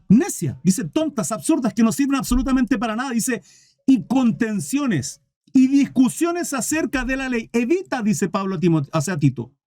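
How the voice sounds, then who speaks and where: High-voiced emphatic preacher. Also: male voice, mellow, dry recording. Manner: emphatic, repetitive, addresses the congregation directly. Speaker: pastor. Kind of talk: sermon.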